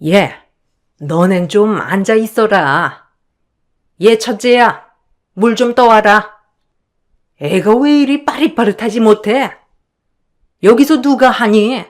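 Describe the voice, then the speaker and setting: A woman voicing a harsh, nagging older mother-in-law in a spoken storybook, scolding with contempt and a biting, sharp-tongued manner. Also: mid-range voice, slow pace, pauses often, close to an everyday voice.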